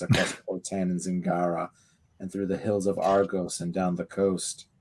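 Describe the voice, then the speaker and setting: A man reading as a cold, monotone sorcerer. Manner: slow, low, flat dramatic reading. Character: cold, calm male sorcerer-assassin, monotone. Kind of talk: reading a novel's dialogue aloud.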